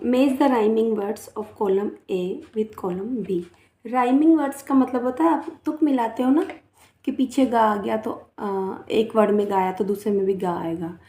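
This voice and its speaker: A woman's voice: a little high, mellow, reverberant. A woman teacher giving a patient phonics lesson, spelling words letter by letter and asking a child to repeat after her. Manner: calls the pupil beta, asks them to repeat after her. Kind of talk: Hindi-language English phonics lesson.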